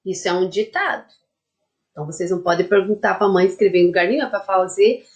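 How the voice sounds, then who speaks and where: A fast-talking woman with a slightly mellow, mid-range voice teaches young primary schoolers. She patiently dictates a word syllable by syllable, uses plenty of diminutives, and often pauses to ask the class "tá?".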